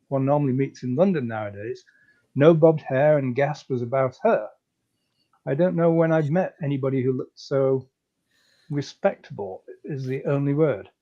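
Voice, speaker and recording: A man reading a comic story aloud in a breezy, chatty first-person manner. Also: medium pitch. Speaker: story reader. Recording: slightly dull lo-fi recording.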